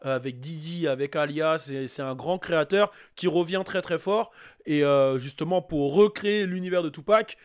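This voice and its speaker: A man hosting a YouTube reaction video, talking casually and excitedly to his viewers with lots of fillers. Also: fairly high pitch, normal speed. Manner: excitable, hyped, chatty with many fillers.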